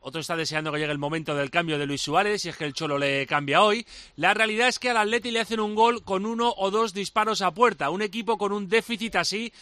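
A man with a Spain Spanish accent reads listener messages aloud as a radio co-host, clear and measured. His voice is high and bright. The sound is close and dry. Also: dry recording.

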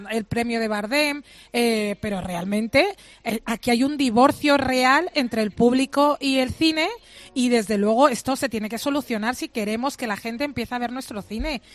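A woman's voice: fairly high pitch, normal speed, dry recording. Blunt woman film critic. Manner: blunt, emphatic, frank. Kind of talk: radio talk, opinionated commentary.

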